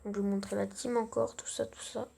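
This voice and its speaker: A woman's voice: on the high side, level tone, fast, gravelly, dark tone, slightly rough. A young woman giving casual, self-mocking gameplay commentary, full of gamer slang. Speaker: gaming channel host.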